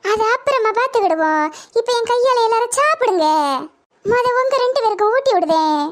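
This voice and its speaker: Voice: very high voice, lively intonation, fairly quick, fairly bright tone. A voice actor playing a sly young village woman who sweet-talks the others, in a cartoon comedy. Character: scheming young village woman poisoning the sisters.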